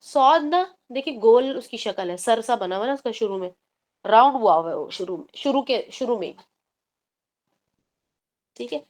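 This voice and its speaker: A woman teaching recitation to her online class. Her voice sits a little high, and she explains patiently, step by step, slipping English terms into her talk. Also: lively intonation, long pauses, darkish tone.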